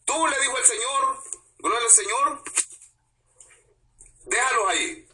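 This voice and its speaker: A man preaching a sermon as pastor, swinging from hushed asides to shouts. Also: very high voice, moderate pace, a little hiss or hum. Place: church. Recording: echoey church, voice from a distance.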